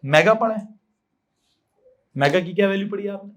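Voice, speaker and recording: Physics teacher, male, Pakistani accent, high voice, quizzes the class and repeats answers back. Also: normal speed. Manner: questioning students, repeating answers, mixing English terms. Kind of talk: classroom lecture.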